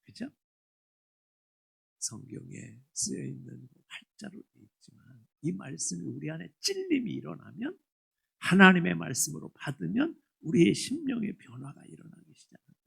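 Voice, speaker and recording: Man, 60s, pastor, sermon, gravelly, lively pitch. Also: normal speed. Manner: rises from soft asides to loud emphatic exhortation.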